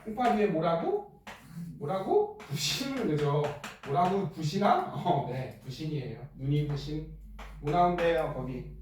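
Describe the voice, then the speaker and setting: A middle-aged male teacher lecturing a class in a joking, blunt way and firing quick questions at students. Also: a little high, sing-song, darkish tone, a little hiss or hum. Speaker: middle school science teacher. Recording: echoey classroom from far off.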